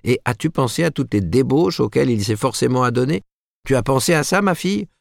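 A man's voice: low-pitched, lively intonation, moderate pace, a little mellow, no room sound, studio quality. A man reading the part of a proper, disapproving middle-aged mother who lectures her daughter in an audiobook. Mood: admonishing. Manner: admonishing, rising emphatically.

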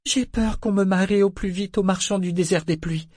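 Reading an audiobook, a man voices a tearful, dutiful young noblewoman, raising his voice into a pleading tone pitched above his own yet close to everyday speech. His delivery is high, at normal speed, and darkish, with clean studio sound and no room echo.

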